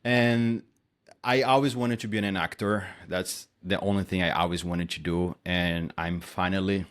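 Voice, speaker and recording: A man's voice: low-pitched, fairly even intonation, normal speed. A young man from Brazil with a Brazilian Portuguese accent, chatting easily as a guest actor on a podcast and laughing often. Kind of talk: casual interview chat.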